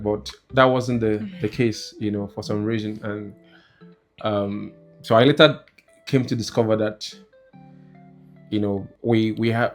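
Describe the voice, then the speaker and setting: A young man raised in Nigeria talks casually with his wife about married life, pausing often with "you know". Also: medium pitch. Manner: hesitant, many "you know" fillers. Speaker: co-host, husband. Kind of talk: casual couple chat. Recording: soft guitar music behind.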